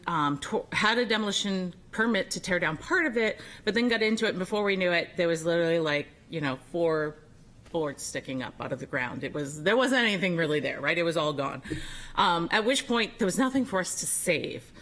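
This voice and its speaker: A woman serving on a city board explains background at a public meeting in a somewhat low voice. Her delivery is conversational and informal, with the easy asides of someone talking it through for colleagues. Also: a bit bright, rough recording. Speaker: board member.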